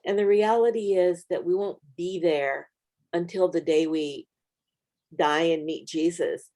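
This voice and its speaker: Co-hosting a Bible study lesson she also wrote, a middle-aged woman offers practical tips to group leaders in a casual teaching conversation. Her voice sits on the low side with a warm tone, fairly even intonation and a slightly slow pace, and she sounds earnest and encouraging.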